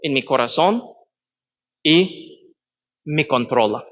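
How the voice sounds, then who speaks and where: A man's voice: a little high, expressive, takes it slowly, fairly bright tone. Man preaching in a reverberant hall. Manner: conversational, asks the audience "¿verdad?" often. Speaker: pastor. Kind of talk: sermon teaching. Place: church hall. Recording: dull sound, long church reverb.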